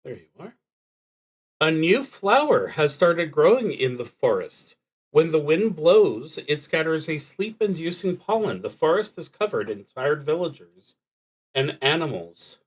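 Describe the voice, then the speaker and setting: Here another man plays a solo tabletop roleplaying game on stream, musing aloud with hesitant, halting, unscripted delivery. His voice is a little high and very animated, and the recording is rough.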